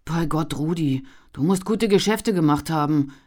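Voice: mid-range voice, normal speed, darkish tone, close to an everyday voice. A narrator voicing a poor, envious young man who grumbles sourly in an audiobook. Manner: grumbling, sour. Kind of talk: audiobook character voice.

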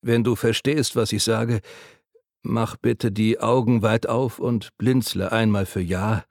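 A gentle, patient caretaker, voiced by a male narrator, soothing and a little too talkative. His voice is low and gravelly. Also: steady tone, slow, no echo, studio quality. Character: gentle, chatty man caring for a patient.

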